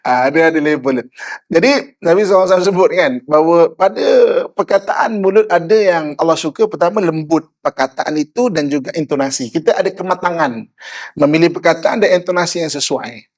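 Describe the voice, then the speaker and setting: A middle-aged man with a Malaysian Malay accent preaching a lively sermon, often asking "kan?" and acting out tones of voice. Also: fairly high pitch, brisk. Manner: animated, often asks "kan?", acts out tones of voice. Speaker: Islamic preacher. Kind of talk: lively sermon with acted examples.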